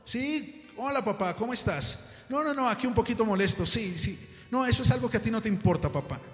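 A preacher voicing a tired, irritable family man who pleads loudly. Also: extremely high pitch, expressive, fairly quick. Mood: irritated. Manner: whiny, loud, pleading. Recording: echoey hall with faint music.

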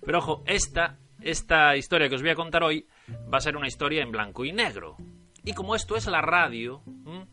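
A man's voice: fairly high pitch, expressive, fairly quick, bright, forceful tone, soft background music. A man from northern Spain with a Spanish accent, presenting a story like a showman and addressing listeners directly. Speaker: podcast segment presenter, storyteller. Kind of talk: theatrical storytelling radio monologue.

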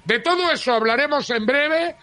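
A man with an accent from Spain presenting a sports radio show in a lively, informal, colloquial way, often repeating himself. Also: extremely high pitch, normal speed. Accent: Spanish, from Spain.

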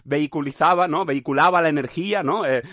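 A man's voice: fast, bright, forceful tone, no room sound, studio quality. Man musing aloud with sudden shrieks. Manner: bursts into high shrieking nonsense cries between musing, many filler tags. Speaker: podcast host. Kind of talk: rambling philosophical monologue.

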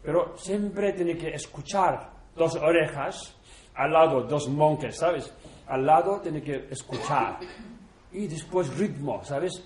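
A man, a monk, talking casually to a small group in halting non-native Spanish, full of fillers and tag questions. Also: a little high, darkish tone. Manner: unhurried, chatty, often chuckling. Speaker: monk leading an informal group session. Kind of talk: informal talk to a small group. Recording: roomy echo in an indoor room.

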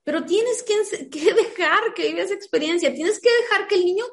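A woman, a mother, giving an interview and explaining her parenting views through lively anecdotes. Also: very high-pitched, brisk. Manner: lively anecdotes, acts out quoted dialogue. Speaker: guest, a mother of school-age children. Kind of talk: conversational interview storytelling.

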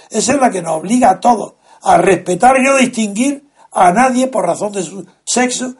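A man talks through his point as a guest, slow and deliberate, hitting key words with weight. His voice sits fairly high for a man and has a husky, slightly rough edge. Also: a little mellow. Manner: slow, deliberate, lecturing, emphatic stresses. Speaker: guest speaker. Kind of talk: measured explanatory talk.

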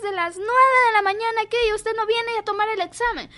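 An outraged mother arguing with school staff in a high, piercing voice, as a young woman mimics her. She protests loudly that she has waited all morning. The tone is shrill and insistent. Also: a little fast. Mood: indignant. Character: indignant middle-aged mother arguing with a teacher.

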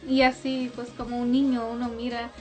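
A woman with a high voice leads a casual devotional talk. She speaks gently and conversationally, with small laughs. Faint music plays in the background. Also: completely flat delivery, moderate pace. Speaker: host of a Bible talk.

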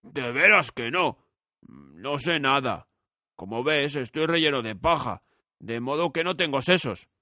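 A man voicing a friendly, slightly hoarse talking scarecrow in a storybook reading, speaking slowly and earnestly. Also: medium pitch, animated, sharp tone, dry recording, clean studio sound. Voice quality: hoarse, raspy. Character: raspy friendly male scarecrow of straw. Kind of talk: audiobook character voice.

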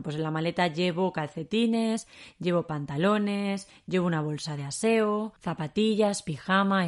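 A woman from Spain with a Spain Spanish accent, teaching a podcast lesson and repeating words slowly for learners. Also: lowish voice, darkish tone.

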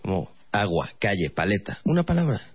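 A man with a Mexican Spanish accent doing stand-up comedy, telling stories in fast, rambling bursts with laughing asides. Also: on the low side, very animated, breathy edge, highs cut off.

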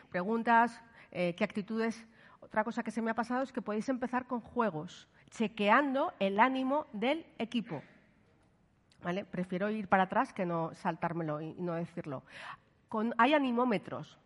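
A woman gives a lively talk in a lecture hall, and the long reverb trails after her words. She speaks at a medium pitch, turns to the audience with questions, and checks in with them often. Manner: lively, asks the audience questions, frequent "¿vale?". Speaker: speaker giving a workshop talk.

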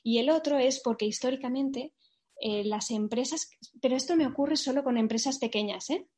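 A woman speaking as a guest in a casual podcast conversation, her voice sitting a little high. She talks in an animated way, slips into quick impressions of her clients and checks in with little tag questions as she goes. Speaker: recruiter, interview guest.

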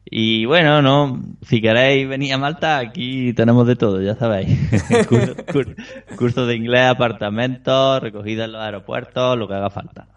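A man's voice: medium pitch, fairly even intonation, moderate pace. A man from Spain with a Spanish accent, a guest on a casual podcast, easygoing and prone to repeating himself. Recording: dull distant remote audio.

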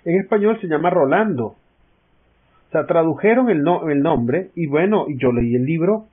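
A man's voice: a little high, expressive, a little slow, husky. A man co-hosting a casual podcast, explaining things at length with many restarts. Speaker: podcast co-host. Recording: tinny online call audio.

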